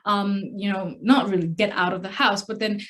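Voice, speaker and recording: A woman's voice: mid-range voice, fairly even intonation, moderate pace, fairly bright tone. A young woman from Hong Kong giving a prepared contest speech, telling a personal story in an earnest manner. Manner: earnest storytelling, acts out quoted dialogue. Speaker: test speaker at a speech contest.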